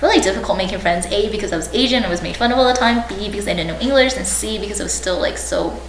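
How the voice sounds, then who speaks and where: A young woman with ties to both China and the United States talks quickly at a medium pitch, casually sharing personal memories in a loose, hedging way during an oral history interview. The mic is distant and the room is roomy, with faint background noise.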